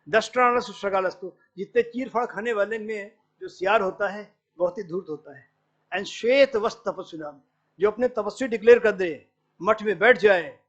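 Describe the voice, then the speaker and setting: A middle-aged male professor giving an academic lecture, explaining patiently and quoting Sanskrit verses. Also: high voice. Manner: explains patiently, quotes Sanskrit verses, mixes in English words. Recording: dull lo-fi lecture recording.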